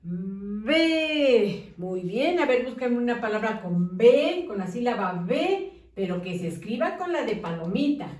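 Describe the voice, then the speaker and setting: A woman teacher leading a children's phonics lesson, drawing out syllables in a slow, sing-song way and praising often. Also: a little high, animated, a little mellow, reverberant, recorded from a distance.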